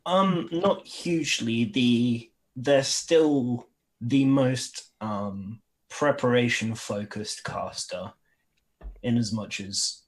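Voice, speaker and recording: A man with a husky voice, talking casually as a player in a tabletop game. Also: mid-range voice, slow, poor audio.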